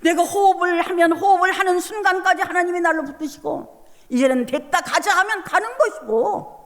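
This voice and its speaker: A woman pastor preaching at a revival meeting, telling her own story with emotional, animated delivery. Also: extremely high pitch, moderate pace. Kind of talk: revival sermon with personal testimony. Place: church revival meeting hall. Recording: long hall reverb.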